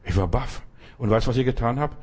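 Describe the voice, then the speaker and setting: Husky preacher man telling stories. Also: medium pitch, fast. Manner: speaks directly to one listener, often asks "weißt du"; animated storytelling, acting out quoted voices. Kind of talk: conversational sermon.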